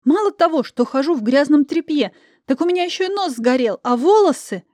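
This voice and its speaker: A pampered young princess, high-pitched and shrill, bursting into indignant, tearful outbursts, as a woman reader acts her out. The sound is dry and close. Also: expressive, fairly quick, darkish tone, dry recording. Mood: hysterical.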